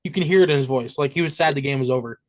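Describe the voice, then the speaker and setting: A man's voice: mid-range voice, racing, rough recording. A man co-hosting a sports podcast, talking casually and animatedly, swearing and laughing often. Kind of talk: casual chat.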